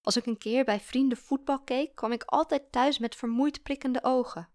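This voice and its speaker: A woman reading a story aloud in a calm, reflective way. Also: high voice, normal speed, no room sound, studio quality. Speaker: narrator. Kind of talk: scripted story narration.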